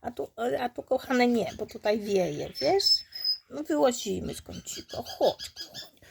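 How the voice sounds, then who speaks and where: A woman coos over puppies in a high, sing-song voice that swoops up and down. She talks slowly and tenderly, slipping into whispers, with a gravelly catch in her voice. Faint noise sits behind her. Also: big pitch swings, darkish tone. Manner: cooing, affectionate baby-talk to the puppies, often dropping to a whisper. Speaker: dog breeder. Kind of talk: casual talk to her puppies on camera. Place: indoors at a puppy pen.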